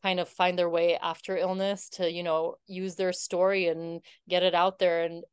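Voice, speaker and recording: A woman's voice: fairly low pitch, little pitch movement, normal speed, clear, resonant tone, no echo, clean studio sound. A woman guest in her thirties telling her story in a casual interview, earnest and heartfelt, with many fillers. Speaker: podcast guest.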